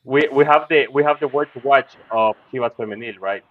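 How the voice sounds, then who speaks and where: A man co-hosting a live fan show, chatting in a self-deprecating, halting way. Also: medium pitch. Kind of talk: casual live-stream chat. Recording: dry, dull lo-fi sound.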